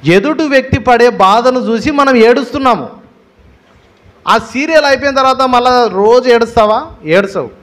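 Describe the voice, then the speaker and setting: A man's voice: very high-pitched, moderate pace, fairly bright tone. A male pastor with a Telugu accent preaching a sermon, stressing his points with repeated phrases and rhetorical questions. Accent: Telugu, Andhra Pradesh.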